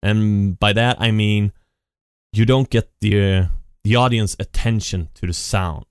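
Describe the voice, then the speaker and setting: Unhurried and steady, the podcast host's lowish voice is clear and resonant. Recording a solo, unscripted monologue at his home computer on a studio podcast mic with effects, he rambles with frequent restarts and repeated "and". The sound is dry and clean.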